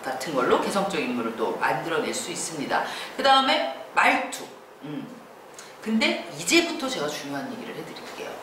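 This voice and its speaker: A woman giving a lively creative-writing lecture, acting out quoted lines and laughing often. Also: fairly low pitch. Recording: echoey room from far off, faint noise.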